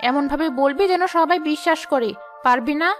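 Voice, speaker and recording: A woman's voice: high-pitched, a little fast, pitched below the performer's own voice, lightly acted. A woman voicing a jealous, scheming village woman who bullies others with sneering threats, over background music. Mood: spiteful scheming.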